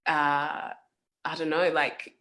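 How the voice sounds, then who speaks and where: Young woman artist, reflective and halting, lower voice, heard over a video call. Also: flat delivery, bright, forceful tone. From South Sudan. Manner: thoughtful, hesitant, many fillers. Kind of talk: casual reflective talk.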